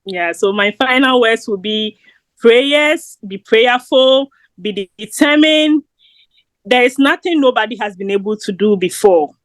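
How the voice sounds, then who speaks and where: A young Ghanaian woman with a Ghanaian accent speaks earnestly as a guest in a casual interview, often repeating words. Her voice is a little high and animated, unhurried, and recorded with no room sound.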